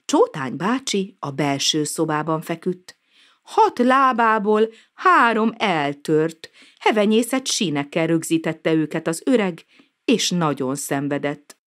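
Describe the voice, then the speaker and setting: A woman narrating a children's storybook aloud in an expressive, sing-song manner. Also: fairly low pitch.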